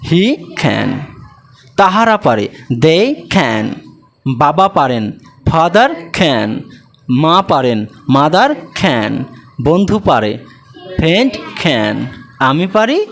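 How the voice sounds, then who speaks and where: Slow, lively teacher. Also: mid-range voice. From West Bengal. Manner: drawls English examples, asks and answers own questions. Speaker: English teacher. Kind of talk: spoken grammar lesson.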